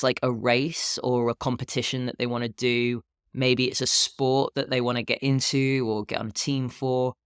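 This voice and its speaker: A man in his thirties talking casually and candidly on a solo podcast, with a low, unhurried morning voice. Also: fairly bright tone, clean tone, no echo, clean studio sound. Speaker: podcast host and health and fitness coach.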